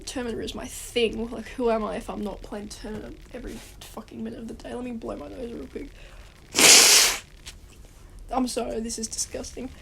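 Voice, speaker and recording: A gaming guide host with a cold and a stuffy nose rambles casually through a game guide, swearing and restarting her sentences. Her voice is a little high, level in tone, brisk and creaky, and the recording is very noisy.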